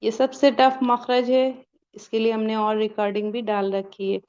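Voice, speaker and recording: A woman's voice: on the high side, flat delivery, moderate pace, darkish tone, dull audio. A woman teaching a Quran pronunciation lesson step by step, asking and answering her own questions and stretching out sample sounds.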